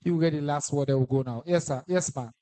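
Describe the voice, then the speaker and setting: A moderator with a Sierra Leonean Krio accent, briskly directing questions and joking with the room. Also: medium pitch, mellow, no room sound. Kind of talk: moderating a press conference.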